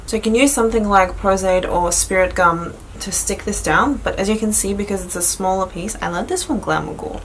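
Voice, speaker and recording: A woman's voice: mid-range voice, a little fast, hardly any pauses, a little hiss or hum, poor audio. A woman beauty vlogger chatting informally as she explains a makeup tutorial step by step. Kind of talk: casual instructional chat.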